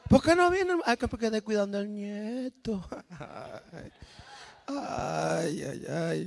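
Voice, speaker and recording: A man preaching a lively sermon with a gravelly voice, swinging between loud exclamations and hushed storytelling. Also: high voice. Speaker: pastor.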